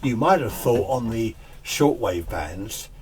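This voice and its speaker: In a home radio shack, a middle-aged hobbyist and host talks through a hands-on demo in a relaxed, chatty way, poking fun at himself. He speaks slowly in a mid-range, slightly mellow voice with lively intonation. Recorded on a camera's built-in mic, the audio carries hiss and background noise, plus faint radio static.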